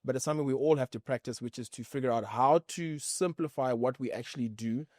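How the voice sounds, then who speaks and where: A man's voice: mid-range voice, fast talker, darkish tone, no echo. A man from South Africa with a mid-range voice co-hosts, walking through an example step by step and doubling back on words now and then. The sound is dry and close. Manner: explains with examples, repeats words. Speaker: podcast co-host. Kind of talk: explanatory chat.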